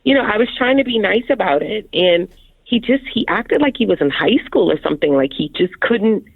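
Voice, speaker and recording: Woman, phone call, thin phone-line sound, halting speech, restarts. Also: mid-range voice, animated, creaky, husky, no room sound. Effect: heard over a phone line. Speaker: radio show phone guest. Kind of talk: casual phone conversation.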